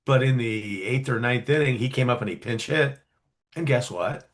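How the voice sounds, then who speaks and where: A man's voice: mid-range voice, moderate pace. Chatty man telling a childhood story. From California, USA. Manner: animated, acts out quoted voices, frequent fillers. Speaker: guest storyteller. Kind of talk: casual storytelling interview.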